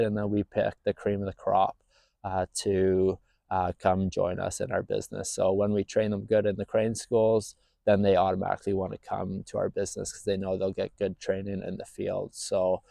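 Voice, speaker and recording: His voice is on the low side, gravelly and mellow, with no echo. This Northern Irish man in his thirties casually tells the camera about his life as a business owner, speaking plainly and filling gaps with lots of fillers.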